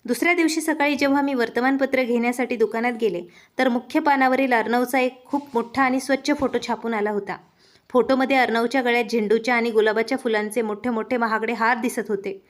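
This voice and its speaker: This woman's voice runs a little above the typical female range as she recounts a personal, heartfelt tale at a quick pace. She narrates steadily and earnestly, letting the feeling in every line sink in.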